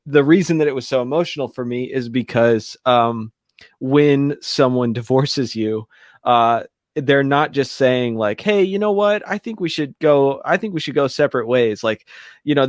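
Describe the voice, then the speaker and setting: A man who is a radio show guest, telling a personal story in a halting, candid way with many restarts. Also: medium pitch, dry recording, studio quality.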